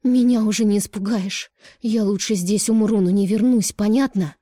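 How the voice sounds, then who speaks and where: A woman voicing a defiant young woman who is crying and shouting in high outbursts. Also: steady tone, moderate pace, slightly rough, no echo, clean studio sound, close to an everyday voice. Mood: furious.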